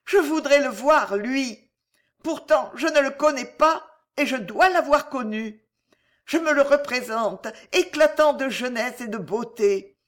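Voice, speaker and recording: A woman's voice: high voice, a little slow. A woman reading an audiobook, voicing a distraught mad young woman who pleads breathlessly and breaks into cries. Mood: dreamy longing. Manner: breathless, imploring, rising to cries.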